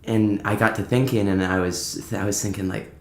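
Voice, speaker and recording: In an echoey, roomy indoor recording, a man speaks at a moderate pace in a lowish voice with a steady tone. He's a musician guest on a podcast, talking casually, rambling through stories and acting out bits of dialogue.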